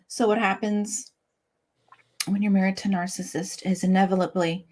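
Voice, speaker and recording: A woman's voice: mid-range voice, darkish tone, husky. Candid, emotional woman telling her story. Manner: emotional and candid, with many "like" fillers. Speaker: interview guest. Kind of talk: candid personal interview talk.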